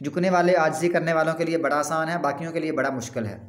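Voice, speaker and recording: A man with a fairly high voice gives a scripture lesson in an echoey room. He recites each verse slowly and then explains it plainly, like a teacher. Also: fairly even intonation. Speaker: religious teacher. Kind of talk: Quran commentary lesson.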